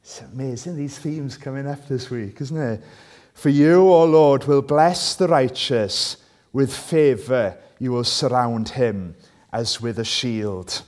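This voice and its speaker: This is a native Welsh-speaking man from Wales, his mid-range voice unhurried and a little mellow. While preaching and reading from scripture, he talks conversationally and keeps asking his audience rhetorical tag questions to check in with them.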